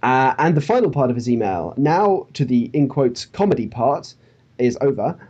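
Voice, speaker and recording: A man's voice: mid-range voice, sing-song, normal speed, a little mellow, husky. A man co-hosting a podcast in casual, joking chat with his co-host, often laughing. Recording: dull lo-fi audio.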